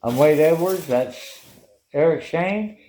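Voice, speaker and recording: A man's voice: fairly high pitch, lively intonation, slow pace, warm tone, roomy sound. A man casually calling out to spirits on a ghost hunt, coaxing them to respond. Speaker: paranormal investigator. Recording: noisy handheld recording with rustling.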